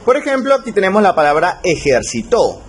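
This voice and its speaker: A man teaching a recorded spelling lesson, slowing down to stress key rules and checking in with his students. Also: a little high, big pitch swings, a little hiss or hum. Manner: slow, stretched emphasis on key rules, frequent check-ins. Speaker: language teacher.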